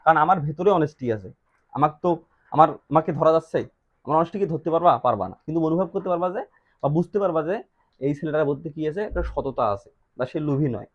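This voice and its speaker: A man's voice: on the high side, fast. Male Bangladeshi teacher, lo-fi. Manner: asks and answers his own questions. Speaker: English teacher. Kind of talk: classroom-style grammar lesson. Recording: dull lo-fi recording.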